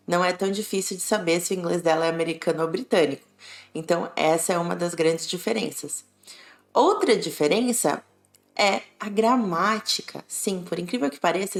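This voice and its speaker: A young woman with a Brazilian Portuguese accent, explaining English to camera in a clear, friendly teaching tone. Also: fairly low pitch. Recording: echoey room with faint music.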